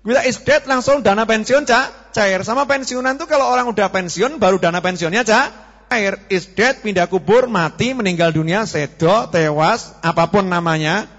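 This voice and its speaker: A preacher with a Javanese accent delivers a joking sermon, often asking his listeners questions and mixing Javanese into his Indonesian. His man's voice sits on the high side. The recording is dull and lo-fi, with a long echo. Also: normal speed, a bit bright. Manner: joking, asks the audience questions. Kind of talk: sermon to a live congregation. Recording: reverberant, dull lo-fi hall recording.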